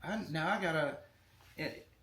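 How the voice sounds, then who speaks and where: Fairly high-pitched and a bit slow, a middle-aged man rambles easily as a podcast guest about running his radio station, often starting sentences over. The casual interview was recorded in an echoey room with faint ambient sound.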